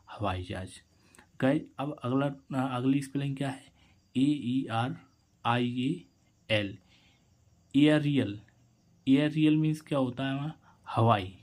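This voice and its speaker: A man teaching English pronunciation in Hindi, in a slow and repetitive way, quizzing his viewers. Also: medium pitch, a little mellow. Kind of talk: Hindi-medium pronunciation lesson.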